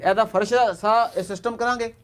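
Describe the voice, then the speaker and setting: A man's voice: high voice, steady tone, brisk. A man from Pakistan on a charity visit who hands out aid and earnestly repeats his reassurances. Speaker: charity worker handing out aid. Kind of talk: on-site charity vlog talk.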